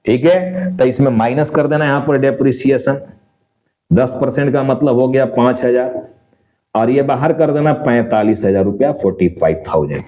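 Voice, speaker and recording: A man's voice: mid-range voice, moderate pace, mellow, rough recording. A man teaching an accounts lesson, explaining step by step and answering his own questions for the students. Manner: often says "dekho" and "theek hai" to check on students. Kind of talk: explanatory lecture.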